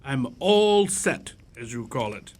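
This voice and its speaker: A man's voice: mid-range voice, very animated, slow, darkish tone. A man playing a genial older doctor and loyal companion who tells old stories in a polite, old-fashioned radio-play manner. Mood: genial, reminiscing. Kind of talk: radio-play acting and storytelling.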